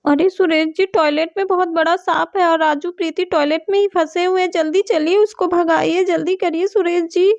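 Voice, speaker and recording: A woman's voice: very high-pitched, fairly even intonation, moderate pace, hardly any pauses, darkish tone, dry recording. A woman voicing a worried, caring mother in a doll story, talking urgently. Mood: anxious, urgent. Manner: urgent, fussing. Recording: dull dry home recording.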